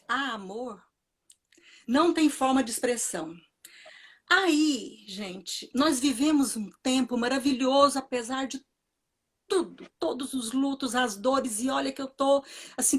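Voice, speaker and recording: A woman with a Brazilian Portuguese accent giving an earnest, reflective spoken talk at a commemoration, repeating phrases for emphasis. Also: sits high. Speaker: speaker at a commemoration.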